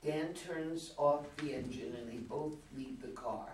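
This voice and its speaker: In an indoor meeting room with a long table, an older man reads stage directions as scripted narration at a play reading. His voice sits a little high and unhurried, picked up by a far camera with a roomy, distant sound and background room noise.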